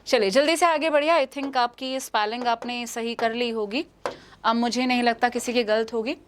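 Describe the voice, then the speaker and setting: High-voiced Indian woman teaching English. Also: steady tone, moderate pace, a little hiss or hum. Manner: repeats questions and answers, calls students "beta". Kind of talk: live online exam-prep lesson.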